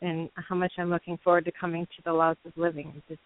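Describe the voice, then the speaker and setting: A woman calling into a radio show over the phone, speaking haltingly with many pauses and fillers. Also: lowish voice, little pitch movement. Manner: halting, with many ums and sighs. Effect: caller heard over a phone line on a radio show. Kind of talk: casual call-in sharing. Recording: tinny dry phone line.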